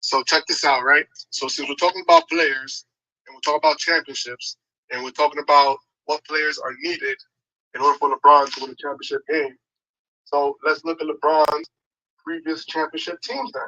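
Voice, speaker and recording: A man's voice: on the high side, level tone, normal speed, bright, forceful tone, highs cut off. A man calling in to argue about basketball, his voice sounding distant because he holds the phone away from his mouth. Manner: argumentative, repeats himself. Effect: phone held away from the mouth, sounds distant. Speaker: caller. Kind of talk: heated sports debate. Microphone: phone call.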